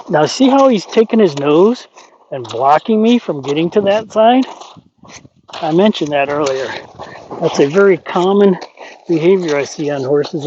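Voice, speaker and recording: Calm man explaining horse training. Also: on the high side. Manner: calm, explanatory, talks to the horse between points. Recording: dull, lo-fi with faint noise.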